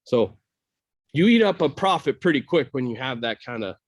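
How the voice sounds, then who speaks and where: Male guest, mid-pitched, blunt and candid, dry close recording. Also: lively intonation, moderate pace, dry recording. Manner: blunt, candid, repeats words. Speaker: podcast guest, business owner. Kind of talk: casual interview chat.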